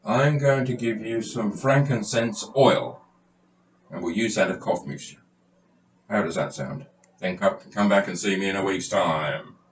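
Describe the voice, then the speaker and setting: A man's voice: fairly low pitch, measured pace. A man playing a doctor in a home-made comedy sketch, chatty and hammy, often repeating himself. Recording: roomy, distant, faint noise.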